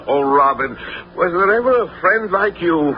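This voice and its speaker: An actor playing a loyal, earnest knightly friend of an outlaw, in theatrical radio adventure style. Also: male voice, high-pitched, expressive, unhurried. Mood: puzzled, grateful. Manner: earnest, pleading. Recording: dull, lo-fi radio recording, very loud noise.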